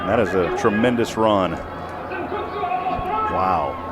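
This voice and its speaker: Play-by-play announcer, male; lively calls, shouts on big plays. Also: deep voice, slow, over music, crowd noise. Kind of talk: live football commentary.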